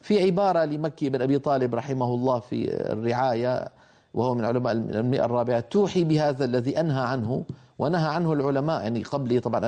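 A man's voice: medium pitch, mellow. A man from the Levant teaching a Quran recitation lesson, explaining pronunciation and demonstrating sounds by drawing out syllables. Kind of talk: tajweed lesson.

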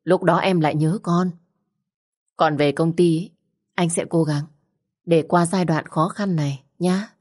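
Brief: a woman reading a gentle fatherly figure, low and measured, storybook reading. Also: fairly even intonation. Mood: soothing. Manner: soothing, measured advice. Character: calm older father, gentle and advising.

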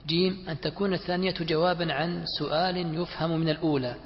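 A man's voice: a little high, fast. Man reading a textbook aloud. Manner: steady, listing points. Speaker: student reading the text aloud. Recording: muffled recording in echoey hall.

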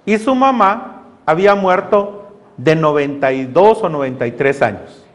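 A male pastor preaching a lively sermon with humor, talking to the congregation, asking them questions and acting out voices. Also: a little high, a little slow. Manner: animated, acts out voices of God and church members; conversational, asks the congregation questions.

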